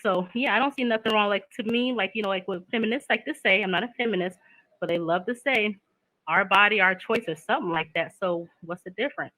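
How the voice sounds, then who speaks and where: A woman's voice: mid-range voice, fast talker, sharp tone, no echo, poor audio. A woman, talking candidly in a casual chat and laughing often.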